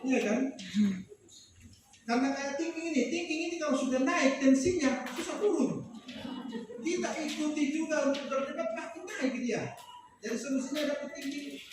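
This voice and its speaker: Woman seminar speaker, addressing parents, lively, acts out little scenes, very echoey hall, distant mic, music behind. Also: sits high. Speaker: seminar speaker on personality test results. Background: background music.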